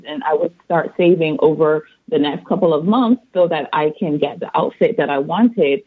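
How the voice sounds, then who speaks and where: A woman from Barbados calls in as an interview guest and explains things calmly, sometimes restarting a thought. Her voice comes through a tinny phone line. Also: low voice, husky. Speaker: guest, accountant and author. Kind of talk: interview answers.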